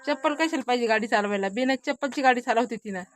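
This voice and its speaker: A woman's voice: fairly high pitch, quick pace, faint music behind. A young woman chatting casually to her viewers as she films her small daughter, repeatedly urging them to take a look. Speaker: vlogger filming her daughter. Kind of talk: casual vlog narration to viewers. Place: outdoors in the countryside, partly sitting in a vehicle. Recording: noisy outdoor phone recording. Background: sheep and outdoor sounds.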